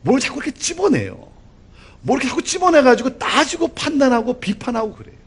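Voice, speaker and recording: A middle-aged pastor delivering a sermon with a very high, husky voice. His pitch leaps up and down dramatically, and he drives his points home with animated emphasis. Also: quick pace. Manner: animated preaching with lively swings of pitch and loudness.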